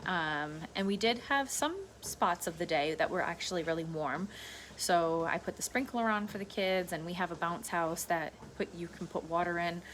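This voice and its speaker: A middle-aged woman with a slightly low voice talks off the cuff in a casual vlog. She meanders and circles back over her points in an informal way, with noticeable background noise behind her. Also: moderate pace, poor audio. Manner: informal, meandering, repeats herself. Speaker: vlogger. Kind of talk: casual rambling solo vlog chat. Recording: clear steady background noise.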